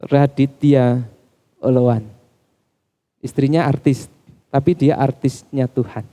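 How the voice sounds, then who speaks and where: A man preaching a sermon in a church, calling the congregation Bapak Ibu Saudara as his pitch climbs and drops. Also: steady tone, takes it slowly, dark tone. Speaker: pastor.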